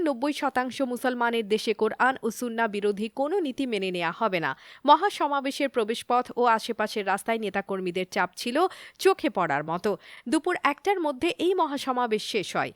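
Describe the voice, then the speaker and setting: A woman presenting the evening news in a steady, formal newsreader delivery with a Bangladeshi Bengali accent. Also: fairly high pitch, no room sound, studio quality. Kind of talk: scripted news reading.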